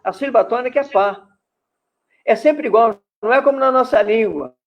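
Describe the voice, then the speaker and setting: A man's voice: extremely high pitch, moderate pace, dull audio. A man with a Brazilian Portuguese accent, a radio guest explaining things in a teaching way, full of examples. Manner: didactic, gives examples and conjugations. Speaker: guest speaker on Esperanto.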